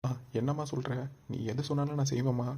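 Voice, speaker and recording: A woman's voice: level tone, fast, mellow, breathy edge, heavily acted. A woman voicing an earnest, kind young man in a cartoon. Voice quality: low put-on voice. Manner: earnest, puzzled village talk. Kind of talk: cartoon voice acting. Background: background music.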